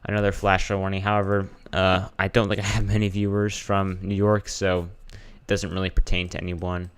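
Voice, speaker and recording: A man's voice: deep voice, monotone, normal speed, smooth. A man giving casual live weather commentary as a streamer, informal and hesitant, often thinking aloud as he checks his screen.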